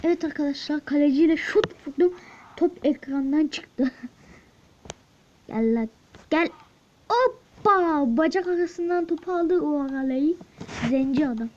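A woman commenting excitedly on a football video game, talking to her viewers and chanting to cheer on the players. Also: high voice, a little slow, pauses often. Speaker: gaming video host. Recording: muffled with loud background noise.

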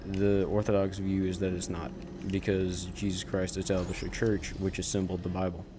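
A man giving casual commentary while he plays a game, rambling with halting starts and frequent self-corrections. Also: deep voice, completely flat delivery, background noise. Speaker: gaming channel host.

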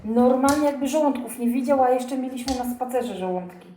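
A woman filming a home vlog, giving her dog short firm commands and soft praise. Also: high voice, brisk, echoey room, distant mic, a little hiss or hum. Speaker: vlogger and dog owner.

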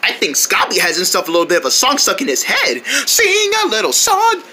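A woman's voice: mid-range voice, huge pitch swings, brisk, sharp tone, slight background noise. A woman voicing a cheerful, playful young female cricket who chats with the viewers in a homemade kids' cartoon. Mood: amused. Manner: bouncy, chatty, talks to viewers.

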